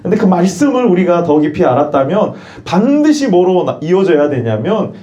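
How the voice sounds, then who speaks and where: A man's voice: sits high, sing-song, normal speed, warm tone, lo-fi sound. A male pastor preaching a sermon in church. He poses questions and leads the congregation in repeating phrases.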